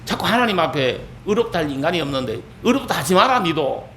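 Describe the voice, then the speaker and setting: A man's voice: a little high, very animated, quick pace, fairly bright tone, a little hiss or hum. A man voicing an angry older biblical man who scolds his friends heatedly and emphatically. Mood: angry rebuke.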